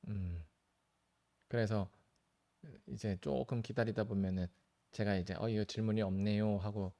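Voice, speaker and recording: A male pastor with a low, mellow voice teaches during a live stream and answers viewers' questions. He sounds earnest and pleading, suddenly lifting the stress on key words.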